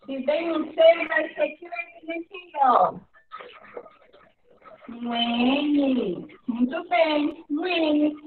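A woman with a Brazilian accent teaching young children in an online class, patiently repeating words slowly in a sing-song way. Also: high voice. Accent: Brazilian Portuguese. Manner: slow, patient, sing-song word repetition. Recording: echoey, distant, phone-like online class audio.

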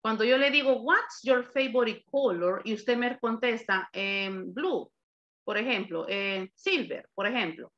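A woman teaching an English class over a video call, modeling words slowly and carefully. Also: fairly high pitch, highs cut off.

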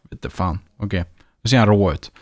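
A man's voice: fairly low pitch, a little hiss or hum. A man with a Swedish accent giving casual let's-play commentary, chatting and muttering to himself as he plays. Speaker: gaming YouTuber.

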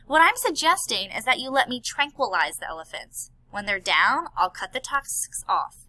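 A woman's voice: a little high, big pitch swings, moderate pace, pushed and bright, no echo, exaggerated voice, rough recording. A woman voicing an earnest male elephant scientist and worried father in an audiobook. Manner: earnest, pleading.

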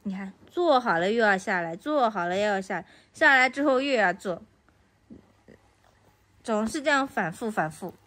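A woman's voice: medium pitch, animated, normal speed, fairly bright tone. A woman from Anhui scolding her toddler at home, repeating baby talk. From Anhui, China.

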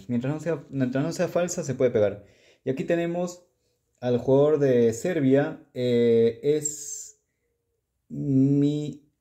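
A man's voice: on the high side, warm tone. A man chatting casually as he shows off his sticker collection, often stumbling over foreign names. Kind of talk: casual show-and-tell.

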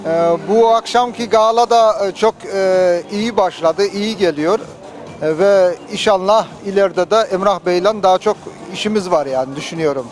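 A man's voice: high voice, normal speed. A man giving a promotional interview as a company representative, phrasing things hesitantly in short pieces.

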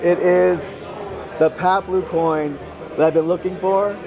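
Excited man in a noisy crowd. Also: high voice, unhurried. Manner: excited, exclaiming. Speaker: convention attendee. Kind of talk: casual chat. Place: crowded convention lobby indoors. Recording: busy crowd noise behind.

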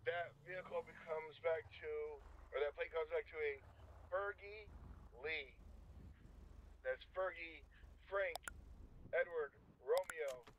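A man's voice: a little high, takes it slowly, pauses often, lo-fi sound, slight background noise. A man making clipped police radio calls as a role-play sheriff's deputy, spelling out plates with the phonetic alphabet. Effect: police radio transmission.

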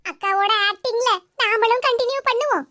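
A woman's voice: extremely high pitch, moderate pace, pushed and bright, a little hiss or hum. A woman voicing a sly, scheming younger sister in a cartoon, coaxing and mock-tearful, with a Tirunelveli Tamil accent. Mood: scheming aside.

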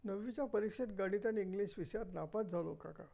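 A man's voice: high voice, fast, creaky, dark tone. A man voicing a humble, earnest teenage boy who works as a security guard.

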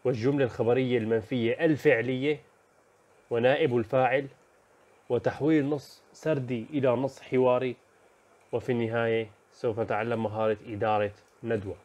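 A man talks quickly through an overview of a school lesson. He lists one topic after another in a brisk voice of middle pitch, stopping now and then for fillers and small self-corrections. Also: fairly even intonation, darkish tone. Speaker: teacher.

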